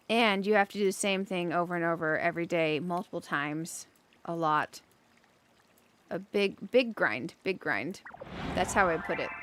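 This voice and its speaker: A woman with a lowish, slightly bright voice streams a cozy game, chatting casually with viewers and thinking aloud as she decorates, breaking into giggly bursts.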